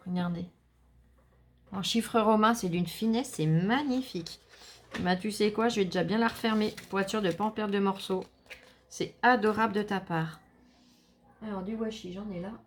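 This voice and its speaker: A woman talking casually to her viewers, enthusiastic and gushing over every little craft item. Her voice sits at an ordinary pitch with a noticeable gravelly fry running through it. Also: fairly even intonation, normal speed, slight background noise. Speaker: scrapbooking vlogger. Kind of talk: casual unboxing chat to viewers.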